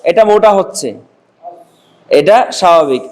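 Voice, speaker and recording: A man from Bangladesh teaching Quran letter pronunciation, drawing out and repeating each sound slowly. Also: high-pitched, expressive, background noise. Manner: slow, drawn-out demonstrations of letter sounds, repeating each many times.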